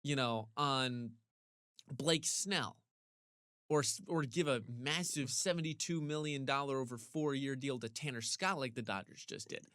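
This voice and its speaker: A man co-hosting a casual sports podcast, ranting animatedly with big jumps in pitch, his voice getting a little hoarse. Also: measured pace, a bit bright, dry recording, studio quality. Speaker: podcast co-host.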